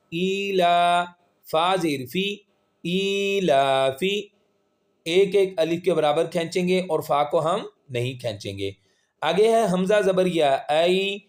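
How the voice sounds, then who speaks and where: Slow, patient male reading teacher. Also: fairly high pitch. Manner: slow, patient, drawn-out syllables when spelling. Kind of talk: spelling-out recitation lesson.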